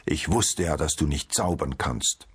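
Man doing a grumpy skeptical plum stone, deep and husky. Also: a little slow, full character voice. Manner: skeptical, grumbling. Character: bored, doubtful old plum stone. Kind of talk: storytelling.

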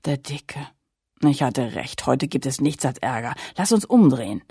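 A woman voicing a grumpy, timid young merboy in a hushed, grumbling tone. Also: a bass voice, very animated, unhurried, slightly rough, dry recording, clean studio sound, pitched below the performer's own voice, heavily acted.

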